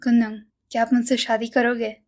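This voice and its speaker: A woman voicing a gentle man, a father, in a drama recap, with no change of her own voice. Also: a little high, little pitch movement, fairly quick, lightly acted. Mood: hopeful.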